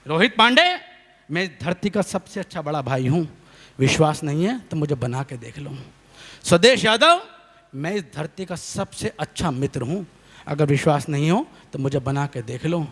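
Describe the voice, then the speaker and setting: A young male comedy poet performs on a live stage with a high, animated voice that swings all over. His tone is bright and forceful. Long hall reverb trails each line. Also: moderate pace, breathy edge. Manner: lively storytelling, calls on the audience to clap, acts out voices. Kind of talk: live comic poetry recital.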